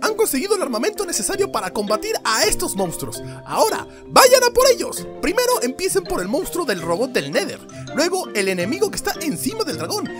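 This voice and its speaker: A grand quest-giving genie, voiced by a woman, proclaiming orders in a high voice that leaps wildly up and down. The delivery is formal and dramatic, and music plays behind it. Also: wildly swooping pitch, brisk, hardly any pauses.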